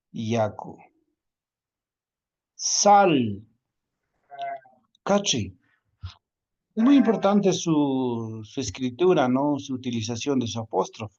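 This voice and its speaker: A man's voice: medium pitch, darkish tone, lo-fi sound. A man teaching a language class, repeating each word patiently and checking in often with his students. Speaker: Quechua teacher. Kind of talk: online class lesson.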